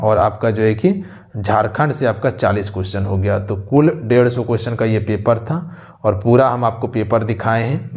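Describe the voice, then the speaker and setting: A man's voice: lowish voice, darkish tone. A man, an exam-prep teacher walking through a question paper, repeating himself and addressing viewers directly, on a close voice-over mic. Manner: repetitive, addresses viewers as "aap sabhi".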